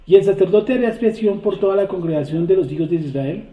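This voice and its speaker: Talking fast in a high voice, this Torah study teacher reads scripture to his class and keeps firing rhetorical questions at them. The audio is thin and echoey, much like a phone call.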